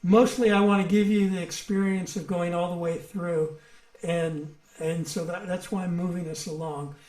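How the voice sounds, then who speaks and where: A man leading a songwriting workshop over a video call, brisk and coaxing, with some hesitant fillers. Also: high-pitched, little pitch movement, darkish tone, roomy sound.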